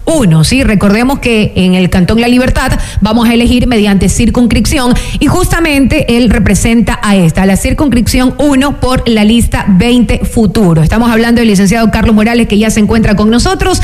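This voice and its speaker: A woman's voice: fairly high pitch, lively intonation, normal speed, few pauses, darkish tone. A woman hosting a radio interview in a formal announcer tone, often ending phrases with tag questions. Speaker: radio host.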